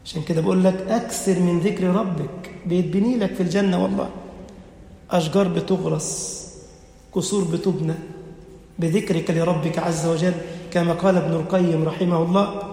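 A high, gravelly male voice preaches with an Egyptian accent, acting out the voices of a story as he tells it. He is recorded in an echoey hall with a long reverb tail. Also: steady tone, brisk, dark tone. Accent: Egyptian Arabic. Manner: dramatic storytelling, acting out dialogue with rising pitch. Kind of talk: sermon.

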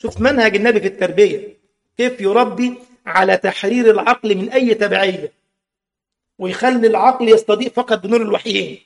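A man's voice: high-pitched, fast talker, creaky. A man with an Egyptian Arabic accent preaching a sermon, impassioned, full of rhetorical questions and mocking asides.

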